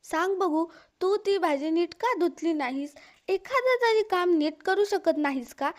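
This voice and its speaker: A woman's voice: very high-pitched, animated, a little slow. A woman voicing a harsh young sister-in-law who scolds and taunts in an accusing manner. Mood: scolding.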